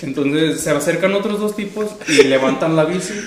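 A man's voice: on the high side, moderate pace, reverberant, a crowd in the background. A young man with a Mexican accent telling a story in casual chat, full of slang, laughing and acting out quotes. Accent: Mexican Spanish.

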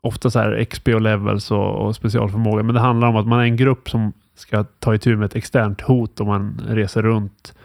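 A man hosting a casual podcast about roleplaying games, relaxed and thinking aloud with many fillers. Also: on the low side, creaky, hardly any pauses, no room sound, studio quality. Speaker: podcast host.

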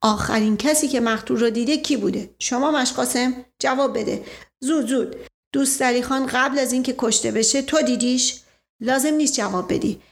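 A woman doing a bullying, impatient police inspector. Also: sits high. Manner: barks orders and repeats "quick, quick".

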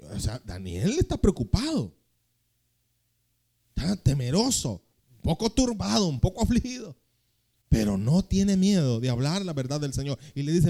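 A young male pastor with a medium-pitched voice preaches, shifting between loud, slow scripture passages and quick, quiet stories.

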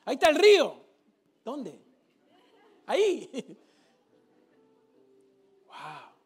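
A middle-aged pastor with an Argentine Spanish accent preaches a storytelling sermon to his congregation in a very high voice, extremely slow and slightly mellow, with huge pitch swings. He's humorous, acting out dialogue in funny anecdotes that build into fervent exhortation.

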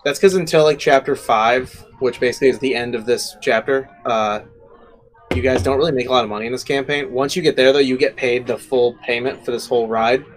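A man narrating as game master in a casual tabletop game, relaxed and quick to laugh. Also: medium pitch.

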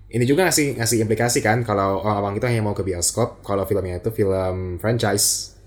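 A man's voice: fairly low pitch, a little fast. A young man with an Indonesian accent and a slightly slurred r, chatting casually about films as a co-host and mixing in English phrases. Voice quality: slurred r, a slight speech impediment. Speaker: podcast co-host.

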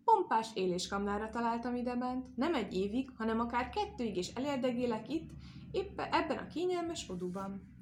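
A woman voicing a clever, teasing male hare in a storybook tale, in a light, lively way. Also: a little high, a little hiss or hum, pitched above the performer's own voice, lightly acted. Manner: teasing, cheeky.

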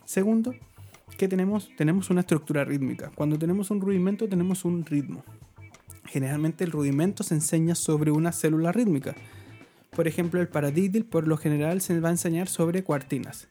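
A man's voice: a little high, fairly quick, dark tone, soft background music. A man teaching drum rudiments, explaining patiently and checking in with his viewers. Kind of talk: online drum lesson.

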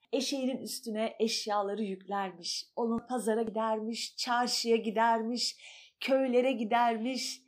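A woman telling a children's fairy tale in a gentle, sing-song way. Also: a little high. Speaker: storyteller. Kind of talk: children's storytelling.

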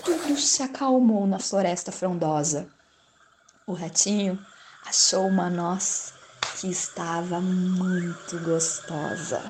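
A woman reading a children's story aloud in an expressive, lilting storytelling voice. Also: on the low side, slow, background noise.

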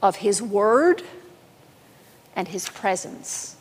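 A woman pastor preaching a sermon, telling a story in a lively storytelling manner. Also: mid-range voice, very slow, long reverb tail, a little hiss or hum.

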